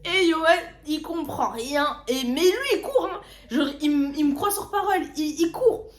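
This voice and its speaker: A young woman vlogger casually telling a story, slangy and lively, often repeating words. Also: high-pitched, moderate pace. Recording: roomy echo.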